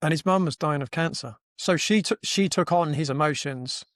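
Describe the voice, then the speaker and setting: A man hosting a podcast, with a slightly high voice, recorded dry and close. He tells a story in a casual, animated way, acting out each quoted line and often restarting his sentences. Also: moderate pace, no echo. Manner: animated, acts out quoted dialogue, frequent restarts. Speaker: podcast host.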